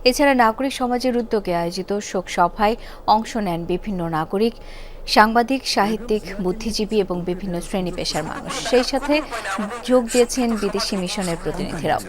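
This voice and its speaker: A woman news anchor reading a scripted report in a formal, clear studio manner. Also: mid-range voice, fairly quick.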